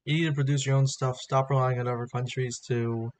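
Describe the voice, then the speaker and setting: A man's voice: medium pitch, little pitch movement, brisk, slight background noise. A man giving casual reaction commentary as a streamer, in a hesitant, rambling way.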